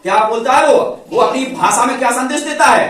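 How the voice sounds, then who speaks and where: A male schoolteacher giving a moral lesson to pupils, asking questions and repeating key words for them to answer back, and saying English phrases slowly. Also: extremely high pitch, a bit bright. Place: classroom, indoors. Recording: very echoey classroom from far off.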